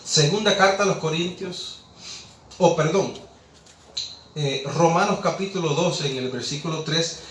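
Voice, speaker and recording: A man's voice: a little high, unhurried, pauses often, fairly bright tone, slight background noise. A man preaching a sermon, impassioned, rhetorical and scolding. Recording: echoey room, distant mic, faint ambience.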